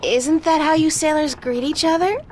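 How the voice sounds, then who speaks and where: A woman's voice: high voice, moderate pace, a little mellow, slight background noise, natural voice. A woman playing a curious young adventurer. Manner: asks endless naive questions.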